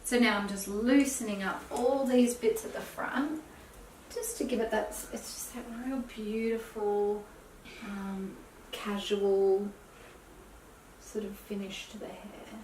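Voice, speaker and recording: A woman demonstrating hairstyles in a tutorial, talking softly and trailing off quietly as she works. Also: medium pitch, fairly even intonation. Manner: slow, soft-spoken, trailing off quietly. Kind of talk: hair tutorial narration. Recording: roomy, from a distance, faint hiss.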